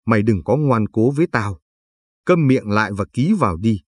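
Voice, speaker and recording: A cruel, wealthy husband full of contempt who sneers, insults and threatens, voiced by a man in a low, husky tone. The reading sounds dry and close. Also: expressive, moderate pace, darkish tone, no echo. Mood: threatening.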